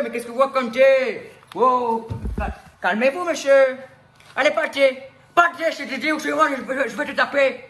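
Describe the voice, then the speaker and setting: A brash, quick-tempered working-class woman, played by a man, who is a manicurist. She snaps back with threats and bragging in a very high, bright voice. Her talk is combative and boastful throughout. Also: a little hiss or hum. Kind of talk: comedic sketch monologue.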